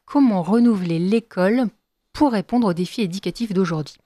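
A woman hosting a radio talk show, introducing guests in a measured way. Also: mid-range voice, warm tone, no room sound. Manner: measured, slowing on key phrases, light laughs. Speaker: radio host.

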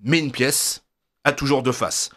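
A man's voice: mid-range voice, steady tone, measured pace, fairly bright tone. A man delivering a prepared political radio column in an emphatic, rhetorical, declarative manner.

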